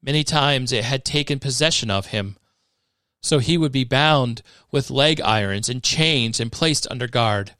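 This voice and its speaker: A man giving a measured, expressive scripted reading of scripture for a podcast. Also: mid-range voice, dry recording, studio quality. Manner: measured, expressive reading that rises for dramatic moments. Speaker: scripture reader.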